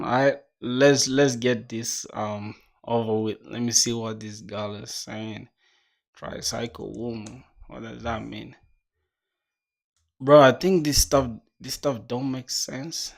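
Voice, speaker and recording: A streamer in his twenties chats casually on a coding livestream, laid-back and slangy, reading viewer comments aloud. His voice is medium in pitch, unhurried, and creaky.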